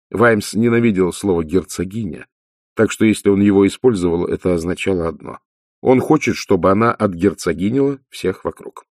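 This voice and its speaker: Low, gravelly male narrator for an audiobook, measured and unhurried, close dry sound. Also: darkish tone, no echo. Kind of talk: audiobook reading.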